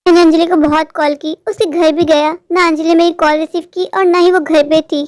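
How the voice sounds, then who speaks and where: A woman's voice: extremely high pitch, little pitch movement, normal speed, darkish tone, dry recording. A woman voicing an eager, lovestruck young male crow in a cartoon, speaking in a pleading way. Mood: anxious. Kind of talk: cartoon voice acting.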